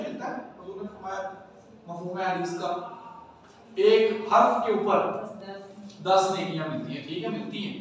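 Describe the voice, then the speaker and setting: A man giving a classroom religious lecture, animated, asking his listeners rhetorical questions and mixing in English words. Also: very high voice. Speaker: Islamic lecturer teaching a class. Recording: echoey hall, distant mic, faint background noise.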